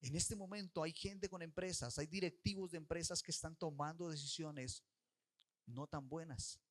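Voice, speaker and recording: A man pastor preaching a sermon. He tells a story and urges his listeners, with sudden shifts between loud and soft. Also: fairly high pitch, fairly even intonation, moderate pace.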